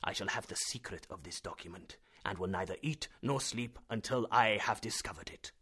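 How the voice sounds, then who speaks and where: A man reading aloud and voicing an excitable elderly male professor who lectures and bursts into loud exclamations. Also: lowish voice, normal speed, husky, heavily acted. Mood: agitated.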